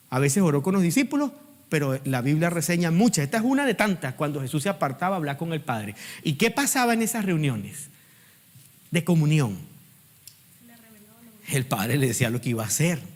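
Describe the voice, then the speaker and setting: A middle-aged man preaching a sermon as pastor, urging the congregation to repeat after him and swinging from loud emphatic peaks to quiet asides. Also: a little high. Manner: preaching with call-and-response prompts to the congregation.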